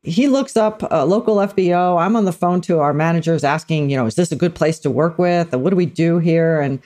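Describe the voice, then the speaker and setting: A woman's voice: fairly low pitch, a little fast, warm tone. A middle-aged woman co-hosting a podcast, telling a story in casual chat and acting out the people she quotes. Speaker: podcast co-host.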